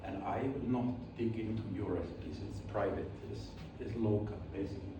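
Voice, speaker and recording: His fairly low voice holds a steady tone at a moderate pace. The speaker, an Icelandic man in his forties, is a painter demonstrating his materials in his studio, talking in a chatty, rambling way with frequent self-corrections. The recording is very echoey, from a distant mic, with clear background noise.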